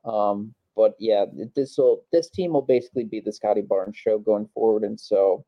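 A man's voice: on the low side, normal speed, dry recording. Laid back guy reading off player stats, muffled lo-fi mic, dry. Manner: easygoing, laughs often, reels off stats. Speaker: podcast co-host. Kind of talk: casual basketball chat.

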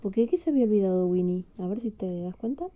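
A woman's voice: mid-range voice, animated, fast. A woman reading a picture book aloud to a child, patiently asking questions. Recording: slightly dull lo-fi.

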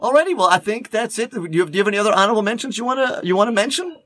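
High-pitched and animated, with a fairly bright tone, this man is co-hosting a podcast. The conversation is loose and off the cuff; he rambles, stalls, repeats words and restarts what he's saying.

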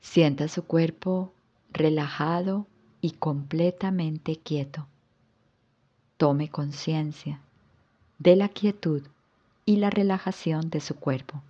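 A woman yoga instructor guiding a yoga nidra relaxation with soft, calm instructions. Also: deep voice, slow pace, long pauses, slightly rough, dull audio.

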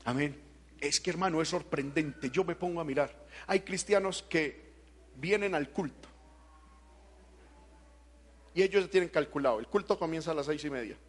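This preacher's voice is a little high, and he keeps a moderate pace with frequent pauses. His evangelical sermon is impassioned, shifting from shouted exhortation to quieter passages and leaning on rhetorical questions to drive each point.

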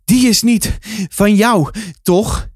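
A man's voice: high voice, expressive, unhurried, vocal fry, no echo, clean studio sound, pitched above the performer's own voice, full character voice. A man reading aloud plays a curt, out-of-breath male store security guard in a children's book. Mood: impatient.

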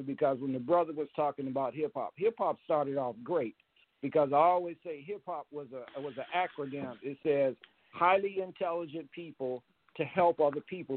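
A man calling in, talking earnestly and repeating words as he restarts his sentences. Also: fairly high pitch. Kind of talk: earnest call-in commentary. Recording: tinny phone-like line, dry.

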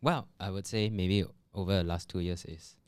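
A man's voice: low voice, moderate pace, a little mellow, clean tone, no echo. A man talking in a casual podcast chat among friends. He is thoughtful and hesitant and often restarts his sentences.

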